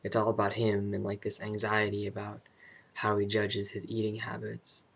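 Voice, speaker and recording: A young man talking casually and introspectively about personal matters in a vlog, halting and searching for his words. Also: fairly low pitch, completely flat delivery, creaky, a bit bright, rough recording. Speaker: vlogger.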